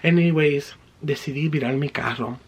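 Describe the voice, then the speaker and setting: A man's voice: fairly high pitch, unhurried, breathy edge. Fervent man telling his testimony. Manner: earnest, fervent storytelling mixing in English words. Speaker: person giving a religious testimony. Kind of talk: personal testimony storytelling.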